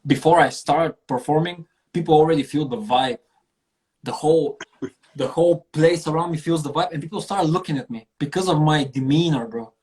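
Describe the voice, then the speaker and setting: This interview guest is a Bulgarian singer and street performer whose fairly high, slightly mellow voice moves at a normal speed. He spins casual stories with earnest emphasis, throwing in slang and some cursing.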